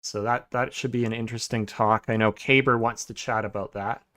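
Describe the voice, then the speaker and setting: A man's voice: medium pitch, a little fast. Podcast host guy, easygoing, lots of uhs and ums, middle-of-the-road voice. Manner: relaxed, many filler sounds and restarts. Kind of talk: casual podcast chat.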